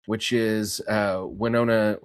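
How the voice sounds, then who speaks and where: A man's voice: lowish voice, flat delivery, slow, no room sound, studio quality. Hesitant podcast host man. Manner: hesitant, searching for words. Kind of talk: casual podcast interview.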